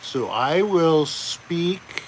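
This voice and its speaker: A man hosts a laid-back live chat, calling out viewers by name. His voice sits a little high and he takes his time with every phrase. A faint outdoor hiss stays in the background. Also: extremely slow, poor audio. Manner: relaxed, chatty, greets viewers by name. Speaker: livestream host.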